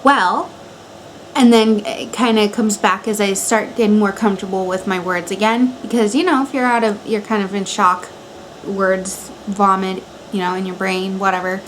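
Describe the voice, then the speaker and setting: A woman of about twenty-six with an American accent talks in a casual, conversational vlog style. Her voice sits at an average pitch for a woman. She is recorded in a bedroom, with the light noise of a fan running in the background. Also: fairly even intonation, moderate pace, poor audio. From Montana, United States. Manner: chatty, informal, conversational. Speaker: vlogger. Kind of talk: casual motivational how-to vlog talk. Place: bedroom at home. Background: electric fan running.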